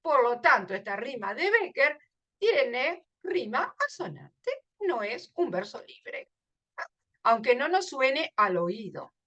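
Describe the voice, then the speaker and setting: A woman's voice: fairly high pitch, very animated, slow pace, fairly bright tone, muffled recording. A woman explaining a literature lesson, emphatic and often checking in with her listeners. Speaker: literature teacher.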